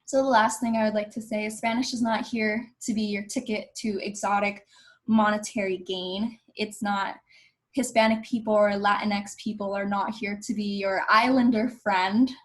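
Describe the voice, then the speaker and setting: A woman's voice: mid-range voice, poor audio. A young woman and student presenting to her class over a video call, speaking in an earnest, persuasive way. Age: young adult.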